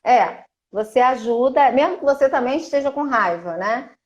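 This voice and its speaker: Uma mulher brasileira, psicóloga, falando numa live com jeito de conversa, encenando diálogos entre mãe e filho. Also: female voice, high voice, expressive, moderate pace. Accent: Brazilian Portuguese. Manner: chatty, acts out parent-child dialogues. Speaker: psychologist and mentor. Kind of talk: live-stream talk on emotions.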